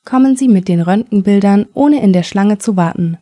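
A calm male surgeon, read by a woman who explains things in a measured way. The voice is mellow and dry. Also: mid-range voice, no echo, close to an everyday voice.

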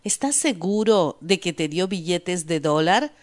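A woman voicing a worried wife who pleads with and scolds her husband, read slowly as a story for learners. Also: lowish voice, animated. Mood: pleading. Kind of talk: reading a story aloud for learners.

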